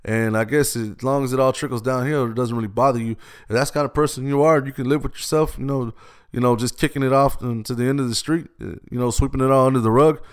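A man speaks as an interview guest, earnest and heartfelt. His talk rambles, with many restarts. His pitch sits squarely in the middle range. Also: steady tone, fast talker, smooth. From Austin, Texas. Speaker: guest, youth gang-prevention worker. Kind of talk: casual conversational interview.

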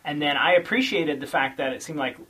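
A speaker thinking out loud about a comic series, hedging and restarting sentences. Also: medium pitch, a little fast, breathy edge. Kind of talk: casual book discussion.

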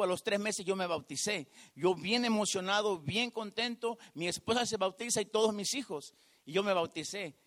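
A man's voice: high-pitched, a bit bright. A man preaching, telling a personal testimony in a conversational, storytelling way. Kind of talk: sermon testimony.

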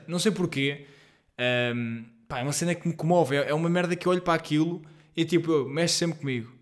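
Young adult male podcast host, European Portuguese accent, loose slangy rambling monologue, self-deprecating energy. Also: medium pitch. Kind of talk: casual solo podcast monologue. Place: at home.

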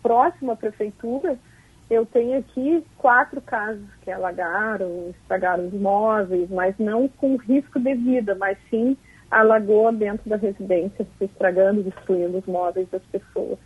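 A woman's voice: medium pitch, fairly even intonation, breathy edge. Woman on a crackly phone line. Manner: halting, repeats words. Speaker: mayor. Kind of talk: phone interview. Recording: tinny breaking-up phone line.

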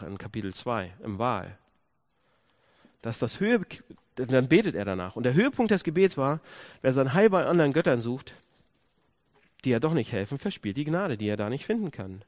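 A male pastor preaching a sermon, dropping to hushed low stretches, then rising into emphatic repeated questions. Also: sing-song, normal speed, no room sound, clean studio sound.

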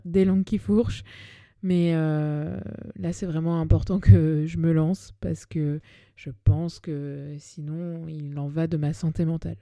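Close on the microphone in a dry recording, a woman from Paris, around thirty, narrates her own semi-scripted podcast monologue. Her voice is on the low side and warm, and her Parisian French accent comes through. As host she is chatty, colloquial, and pokes fun at herself.

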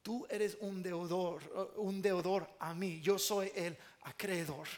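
A man's voice: sits high, fairly even intonation, slow pace. A man preaching a sermon as pastor, earnest with playful asides, speaking Spanish with an American English accent.

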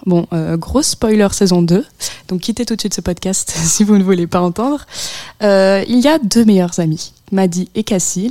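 Chatty woman podcast host, mellow voice. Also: lowish voice, dry recording, clean studio sound. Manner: chatty, laughing asides. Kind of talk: interview with prepared reading.

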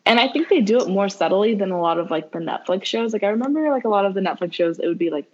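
A woman casually chatting about a TV show, excitable, swearing and laughing often. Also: medium pitch, fast talker, dull audio. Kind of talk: casual chat reviewing a TV show.

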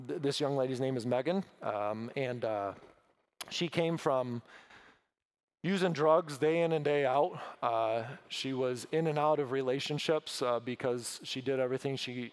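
A man's voice: mid-range voice, clear, resonant tone. Earnest, emotional man speaking at a conference. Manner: emotional, earnest, halting with fillers. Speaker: ministry speaker. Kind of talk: conference talk.

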